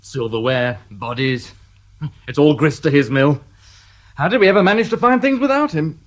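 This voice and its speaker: A man's voice: fairly high pitch, expressive, normal speed, natural voice. An actor playing a shrewd police detective inspector in a radio drama, dry and sardonic, needling the people he questions with excessive politeness.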